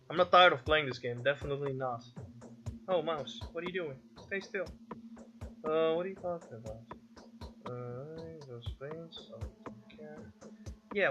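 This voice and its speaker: A man casually commenting on a game he plays, reading its text aloud and musing to himself with restarts and self-corrections. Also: on the high side. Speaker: gaming video host. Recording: slightly dull lo-fi audio with faint game music.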